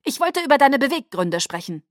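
A cold, scheming vampire lord barks his lines in a loud, clipped, hurried voice, as a woman puts him on. He is curt and brusque, with a dry, close sound. This is an audiobook reading. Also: sits high, sing-song, no echo, voice pushed up. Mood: harsh, accusing.

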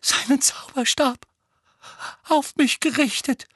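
A man voicing a hoarse, frightened teenage boy. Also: extremely high pitch, steady tone, fairly bright tone, no echo, clean studio sound, pitched above the performer's own voice, heavily acted. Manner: shaky, halting murmur.

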